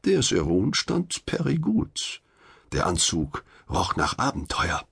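A man narrating an audiobook in the first person, wry and confiding, with expressive reading. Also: sits low, slow pace, creaky, slightly rough.

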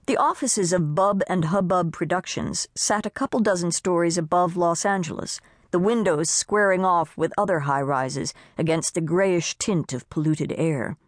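A woman narrating a contemporary novel in a wry, expressive way, recorded close in a studio. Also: on the low side, dry recording. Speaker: audiobook narrator. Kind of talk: scripted narration.

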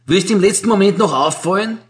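A man's voice: high voice, a little fast, pitched above the performer's own voice, close to an everyday voice. A man voicing a nervous, fussy male robber. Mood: fretful.

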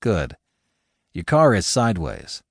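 A male narrator voicing a big, steady firefighter who talks calmly and firmly to reassure someone. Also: lowish voice, takes it slowly, no room sound, studio quality, full character voice. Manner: calm, firm, reassuring.

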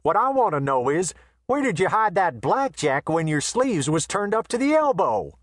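A man voicing a big, brash western saloon owner who talks in a rough folksy drawl and blusters threats. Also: high-pitched, big pitch swings, normal speed, no echo, clean studio sound, voice pushed up. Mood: blustering.

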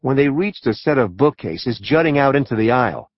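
Man, true-crime audiobook narration, measured, dull lo-fi sound, dry. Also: mid-range voice, animated, no room sound.

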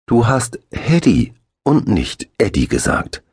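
A man's voice: medium pitch, wildly swooping pitch, takes it slowly, gravelly, darkish tone, slightly rough, dry recording, studio quality, pitched above the performer's own voice, exaggerated voice. A man voicing a serious, wary seven-year-old boy in a storybook. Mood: earnest.

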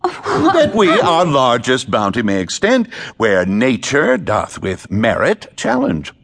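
King Lear, husky swooping old monarch. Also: mid-range voice, wildly swooping pitch, takes it slowly, a bit bright, exaggerated voice. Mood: grand, doting. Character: old king of Britain, grandly commanding, doting, capricious. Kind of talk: theatrical Shakespearean audio drama. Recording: long hall-like reverb.

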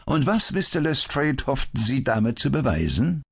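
A man's voice: medium pitch, big pitch swings, normal speed, gravelly, husky, pitched above the performer's own voice, heavily acted. A man reading an audiobook, voicing the ironic, cool detective Sherlock Holmes with a raised, mocking tone. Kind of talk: audiobook character voice.

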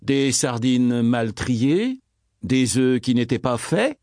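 A man voicing a matter-of-fact doctor, asking questions in a low, measured tone. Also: lively intonation, a little mellow, no room sound, clean studio sound. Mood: serious. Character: sober middle-aged male doctor, matter-of-fact.

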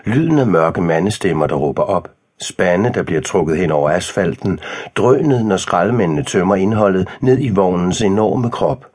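A man narrating an audiobook in a measured, calm way. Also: low-pitched, slightly rough.

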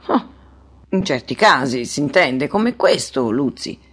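A woman reading an audiobook, voicing a conciliatory male town mayor who speaks softly. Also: medium pitch, expressive, measured pace, husky. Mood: soothing. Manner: soft-spoken, soothing.

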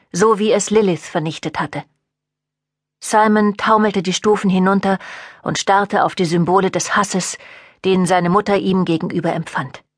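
A woman narrating a fantasy novel in a measured, dramatic storytelling manner. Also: medium pitch, dry recording, clean studio sound. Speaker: audiobook narrator. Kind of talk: scripted narration.

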